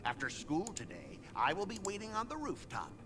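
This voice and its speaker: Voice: mid-range voice, wildly swooping pitch, brisk, heavy background noise. An actor voicing a hot-headed, aggrieved schoolboy in a game, bombastic and indignant. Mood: indignant challenge. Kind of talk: theatrical scripted game voice acting. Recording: voice over loud game music.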